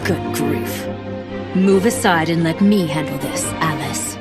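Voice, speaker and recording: Low female voice, anime villainess, haughty, commanding, condescending, loud music. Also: slow. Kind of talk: English anime dub acting.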